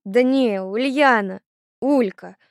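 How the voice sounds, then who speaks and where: Brash barefoot village girl, blurting and loud, a woman puts her on; dry close audiobook read. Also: on the high side, takes it slowly, clean tone, no echo. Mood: pleading. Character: feisty barefoot village girl, blunt and excitable. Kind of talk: audiobook character voice.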